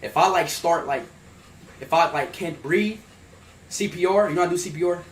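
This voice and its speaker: A young man streaming live, loud and hyped, then dropping to nervous mutters. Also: fairly high pitch, moderate pace, recorded from a distance. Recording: roomy, off-mic with hum.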